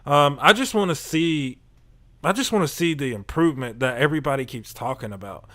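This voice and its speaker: A man hosting a casual sports podcast, talking in an animated way, laughing often and getting fired up. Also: on the high side, a little fast. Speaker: podcast host.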